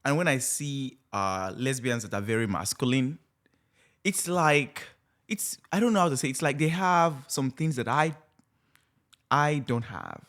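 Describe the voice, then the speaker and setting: A man's voice: medium pitch, animated, a bit bright. A young adult man from Nigeria, co-hosting a podcast in a playful, teasing way. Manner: playful and teasing, quick to laugh. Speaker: podcast co-host. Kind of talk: casual chat.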